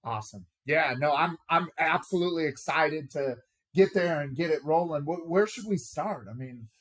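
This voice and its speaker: A man's voice: on the high side, expressive, normal speed, a bit bright, slightly rough. A man hosting a podcast in a casual, upbeat and agreeable way, asking questions. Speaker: podcast host.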